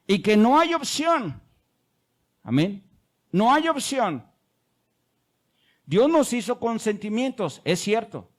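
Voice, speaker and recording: A pastor preaching a sermon, telling a story by acting out both sides of a conversation, then building to emphatic exhortation. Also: male voice, high-pitched, a little mellow. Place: church.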